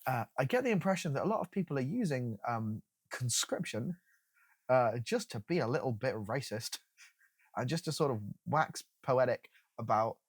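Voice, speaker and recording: A man's voice: mid-range voice, lively intonation, normal speed, slightly rough, dry recording, clean studio sound. A man hosting a reaction commentary video, sarcastic and incredulous, with casual swearing.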